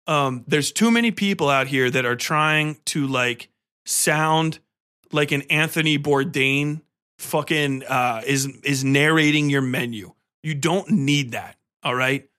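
An American man hosts a podcast in a casual comedic rant, slangy and conversational, swearing freely and stressing points with exasperation. His voice is fairly high, pushed and bright.

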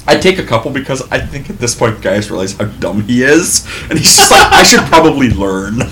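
A man's voice: mid-range voice, big pitch swings, a little fast. A man playing a tabletop role-playing game, talking casually and speaking for his character. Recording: faintly noisy room.

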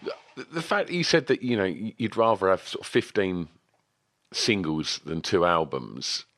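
A man's voice: low-pitched, animated, normal speed, fairly bright tone, no echo. A man from Essex with an Essex accent, chattily and enthusiastically asking rambling questions in a casual music interview. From Essex, England.

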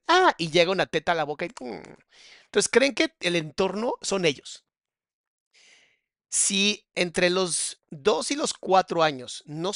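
In this reaction commentary, a male psychologist chats about a clip and replies to viewers affectionately, using pet names like "bebé" and "mi amor." He speaks on the high side with vocal fry and a pushed, bright sound. It's studio-quality audio with no room sound.

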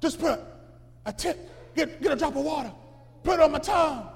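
A man's voice: very high voice, lively intonation, brisk, creaky, long reverb tail, voice pushed up, heavily acted. A man preaching in the voice of a rich man in torment, pleading for a drop of water. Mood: desperate. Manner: pleading, shouted.

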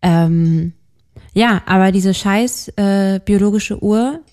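Slow and slightly mellow, a mid-range female voice belongs to a podcast co-host in her early thirties. She talks openly in conversation yet keeps stumbling, restarting sentences and leaning on fillers.

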